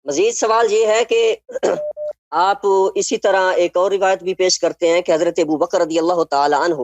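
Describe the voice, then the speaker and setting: A man's voice: high voice, steady tone, no echo. Argumentative male caller on a dull line. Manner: defensive, argumentative. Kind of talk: live call-in debate. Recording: dull dry call-in line.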